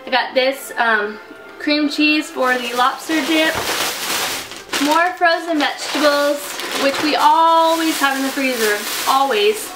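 A woman's voice: high-pitched, slow, over loud music. A young woman vlogger chatting casually and animatedly through a grocery haul in her home kitchen. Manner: chatty and animated, holding up items. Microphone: camera mic from a few feet away. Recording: echoey room, distant mic, noisy.

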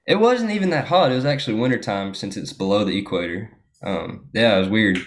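A man's voice: fairly low pitch, fairly quick. A young American man casually telling a story with lots of fillers. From United States. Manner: relaxed storytelling with many fillers. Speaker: guest. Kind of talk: casual chat.

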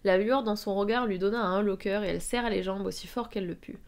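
A woman's voice: mid-range voice, quick pace. A woman streaming live, reading a web story aloud and breaking off for sarcastic commentary. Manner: reads with frequent sarcastic asides and laughs.

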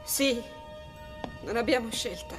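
A resolute, anguished high-voiced mother. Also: takes it slowly, music in the background. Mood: grave resignation. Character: resolute, anguished island mother accepting a grim duty. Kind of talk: dubbed film drama acting.

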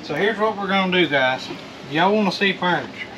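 A man's voice: high voice, expressive, a little fast. A man in his thirties chatting casually to a camera as a vlog host, joking and teasing in a folksy way. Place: inside a metal storage unit. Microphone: camera a few feet away. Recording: noisy, distant from the mic.

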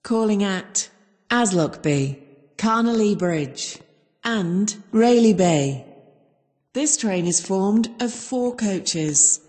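A woman's voice giving a formal, measured train station platform announcement over a loudspeaker. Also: mid-range voice, lively intonation. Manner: measured, formal, evenly spaced phrases. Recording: long hall reverb on loudspeaker.

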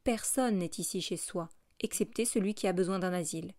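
A woman reading a kind, gentle older male bishop who speaks softly and calmly in an audiobook. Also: fairly low pitch, brisk, no echo, studio quality, lightly acted. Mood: gentle, welcoming.

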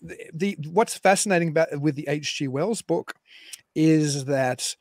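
A man guest historian explaining at length on a live call-in show, animated and digressive with frequent restarts. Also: a little high, unhurried, no echo, studio quality.

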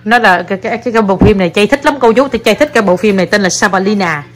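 A mother, chatting casually to viewers in a family vlog while talking with her daughter, animated and quick to laugh. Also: medium pitch, soft background music.

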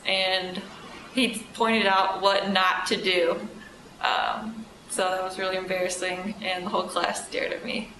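A woman's voice: mid-range voice, level tone, a little slow, echoey room, distant mic, noisy background. A woman in her twenties telling a wry, self-deprecating anecdote indoors. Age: 20s. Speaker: interviewee. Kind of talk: casual anecdote.

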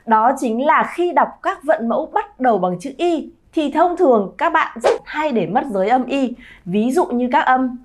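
Lively woman teaching pronunciation. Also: sits high, moderate pace, slight background noise. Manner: lively, stretches sounds to model pronunciation. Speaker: Chinese teacher, channel founder. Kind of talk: pronunciation lesson to camera.

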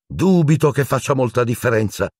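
A man's voice: medium pitch, very animated, moderate pace, dry recording, clean studio sound, voice pushed up. A man voicing a strict, severe older female professor with a clipped, cool delivery in an audiobook reading. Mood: icy.

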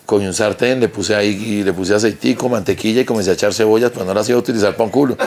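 A young man with a Colombian accent, a comedian telling a crude, animated anecdote and laughing as he goes. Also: fairly low pitch, very fast. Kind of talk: comic storytelling.

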